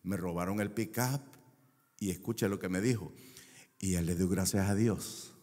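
A man's voice: low-pitched, normal speed, darkish tone, in a large hall. A man preaching a sermon as a pastor, stretching key words for emphasis and telling a personal story. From El Salvador.

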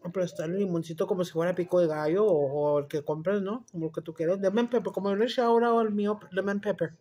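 Talking fast in a low, breathy voice, a brash woman mukbang vlogger chats casually while she cooks and eats. She's crude and loud, swearing freely and mixing Spanish with English.

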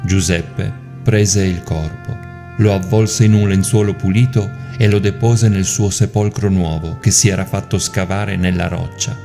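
A priest giving a measured, solemn liturgical scripture reading. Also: male voice, deep voice, steady tone, gravelly, warm tone. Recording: music playing underneath.

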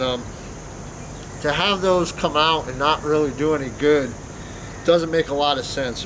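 A man's voice: on the high side, poor audio. A middle-aged man giving an unscripted workplace safety talk outdoors in a parking lot, plain-spoken, with frequent ums and restarts. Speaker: company safety presenter. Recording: clear outdoor background noise.

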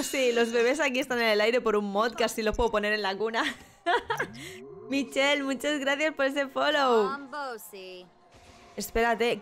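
A woman's voice: fairly high pitch, a bit bright. A young woman with a Spain Spanish accent, chatting and laughing through a live game stream. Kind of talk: live gameplay commentary.

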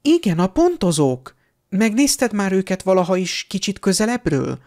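A man's voice: high-pitched, sing-song, darkish tone, voice pushed up. A man voicing an eager, bossy teenage schoolgirl witch who talks insistently and impatiently, raising his voice well above his own. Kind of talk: fan audiobook character voice.

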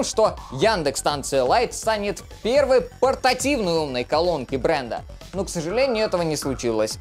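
Animated young man reviewing gadgets. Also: high voice. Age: young adult. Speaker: tech reviewer. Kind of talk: casual gadget review to camera. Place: small furnished room indoors. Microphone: clip-on lapel mic.

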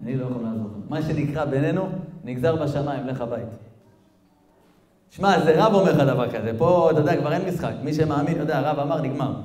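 A man preaching as a rabbi, recounting a story with lively drama and often turning to address his listeners. His voice sits fairly high for a man. The room around him is echoey. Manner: animated, addresses listeners directly.

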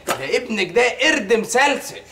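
A cheeky joking son. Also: male voice, extremely high pitch, big pitch swings, moderate pace, noisy background. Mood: playful. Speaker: son cooking for his mother. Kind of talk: comedy series acting.

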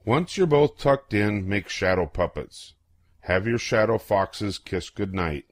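An older man reads a children's picture book aloud playfully and expressively, acting out its exclamations and questions. His voice is lowish and slow, with no echo.

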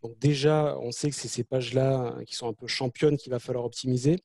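A man's voice: medium pitch, fairly even intonation, fairly quick, vocal fry, dark tone, dry recording. A man on a webinar panel answering a question hesitantly, with many restarts, over a video call. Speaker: project manager, panelist.

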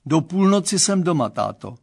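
A man voicing a shy teenage girl who speaks quietly and a little sadly, in an audiobook reading. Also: on the high side, big pitch swings, vocal fry, husky, voice pushed up, full character voice. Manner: quiet, murmuring.

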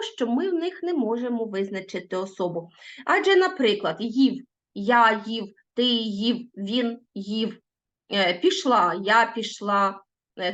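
A woman's voice: medium pitch, a bit bright, highs cut off. A woman teacher giving a recorded lesson. She patiently reads out word forms one at a time and talks straight to her pupils. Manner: addresses pupils directly, asks them to pause the video.

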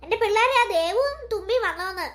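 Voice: very high voice, animated, fast talker, fairly bright tone. A voice actor playing a worried mother in a cartoon, asking after her late children. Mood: anxious. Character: mother at home, worried about daughters.

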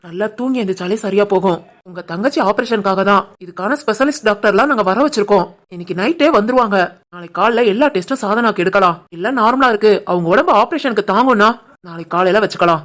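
A woman doing a brisk calm male doctor. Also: medium pitch, lightly acted. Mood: reassuring. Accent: Tirunelveli Tamil. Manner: calm, explanatory, reassuring.

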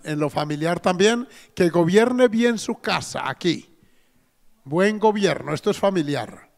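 A man's voice: a little high, gravelly, big-room sound. A man with a Colombian accent preaching a sermon as pastor. He speaks in a folksy way, puts questions to the congregation and often says "amén" and "gloria al Señor". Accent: Colombian Spanish. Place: church hall.

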